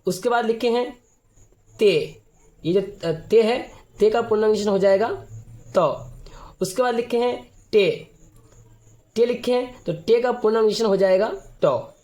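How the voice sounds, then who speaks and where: A man teaching the alphabet step by step, patient and repetitive, now and then clearing his throat. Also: high voice, a little slow, long pauses, a little mellow.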